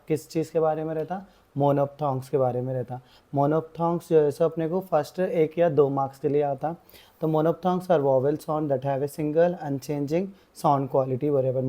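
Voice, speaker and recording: A young man explaining a grammar lesson as a tutor. He uses the same filler phrases again and again and draws out example words slowly. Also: fairly high pitch, mellow.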